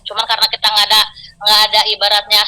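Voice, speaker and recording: A woman's voice: medium pitch, completely flat delivery, very fast, bright, forceful tone, poor audio. A middle-aged woman giving an emotional personal testimony, telling her story with quoted dialogue. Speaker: business success story guest.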